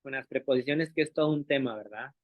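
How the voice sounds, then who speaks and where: A male language teacher speaks at an ordinary pitch, patiently walking his listeners through each step and checking that they follow along. His voice comes through a narrow, tinny, phone-like line with no trace of room reverb. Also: fast. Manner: patient, explanatory, often asks for agreement and models sounds aloud. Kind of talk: explanatory online talk. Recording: dry, tinny phone-like sound.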